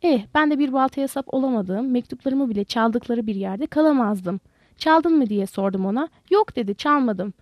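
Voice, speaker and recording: A woman's voice: fairly high pitch, animated, normal speed, a little mellow, dry recording, lightly acted. Woman playing a vain, chatty young wife.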